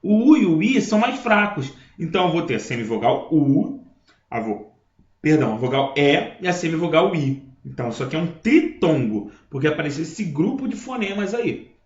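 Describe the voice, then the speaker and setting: A man's voice: fairly high pitch, sing-song, moderate pace. A man teaching a grammar lesson, explaining step by step and checking in with his listeners. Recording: echoey room, dull lo-fi sound.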